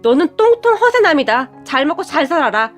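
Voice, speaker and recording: A woman's voice: high voice, sing-song, brisk, a bit bright, soft background music. A woman playing a fierce young wife who talks bluntly and mockingly. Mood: scornful taunting. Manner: scornful, taunting.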